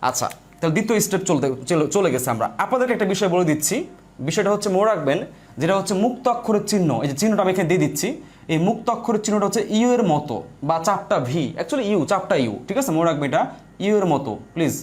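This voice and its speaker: A man teaches a live online lesson in a high voice and at a fast clip. He goes step by step and says his points again and again. He calls his viewers "brother" as he talks to them. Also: animated.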